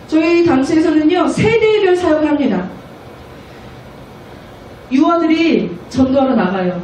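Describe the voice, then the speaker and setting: A high-voiced woman missionary preaching with lively energy, now and then slipping into children's voices. She sounds distant from the mic in a strongly echoing church hall, with faint room noise underneath. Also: measured pace. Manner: animated, acts out children's voices. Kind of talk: sermon at a prayer meeting. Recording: echoey room, mic far off.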